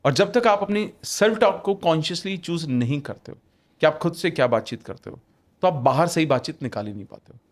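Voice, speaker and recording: A man's voice: on the high side, lively intonation, fairly quick. A man talking as a podcast guest in casual conversation, emphatic and repeating phrases for stress, often switching into English. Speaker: podcast guest, manifestation author.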